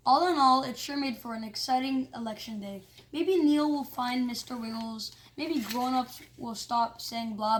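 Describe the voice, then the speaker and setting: The reader, pitched high, brings energy to a children's tale but reads haltingly, tripping up here and there.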